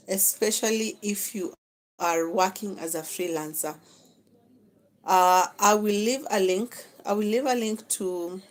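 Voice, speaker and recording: A Kenyan woman leads a live-streamed class, coaching her viewers and often circling back to repeat a point. Her voice sits at an ordinary middle pitch, and faint noise hums under the recording. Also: darkish tone, low-quality recording. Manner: coaching, repeats phrases, frequent "okay?" check-ins. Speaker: social media marketing instructor.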